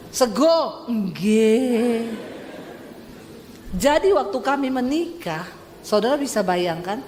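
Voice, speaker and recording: A middle-aged woman pastor with a Sulawesi accent preaches in a fairly high voice, telling stories with lively rising tones and acting out each quote. Her voice rings through a reverberant church hall. A faint hum of noise sits underneath. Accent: Sulawesi Indonesian. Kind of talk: sermon.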